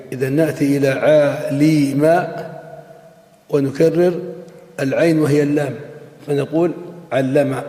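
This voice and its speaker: A man's voice: on the high side, warm tone. A man teaching a grammar class as a sheikh, explaining step by step and answering his own questions. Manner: methodical, poses questions and answers them himself. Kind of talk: classroom lecture. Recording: echoey hall with long reverb.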